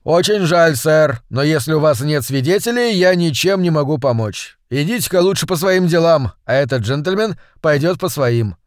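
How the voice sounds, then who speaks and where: A man's voice: a little high, lively intonation, moderate pace, hardly any pauses, no echo, clean studio sound, lightly acted. A man voicing a weary, polite police constable who speaks formally.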